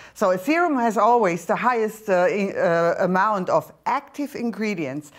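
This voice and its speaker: A middle-aged, German-accented skincare doctor presents a serum on a TV shopping channel, explaining it in slightly halting non-native phrasing. Her voice is medium-pitched, recorded on a lapel mic on a TV studio set.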